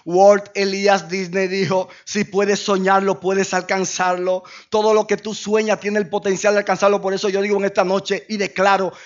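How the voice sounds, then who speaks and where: A male pastor preaching a sermon, swinging between shouted declarations and low, hushed storytelling. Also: little pitch movement, normal speed, few pauses, dull audio.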